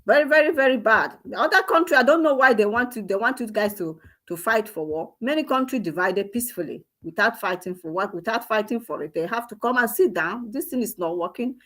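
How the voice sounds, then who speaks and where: Indignant woman, higher voice. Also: expressive, brisk, hardly any pauses, bright, forceful tone. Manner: repetitive rhetorical questions, scolding. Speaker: online commentator. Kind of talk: impassioned political commentary.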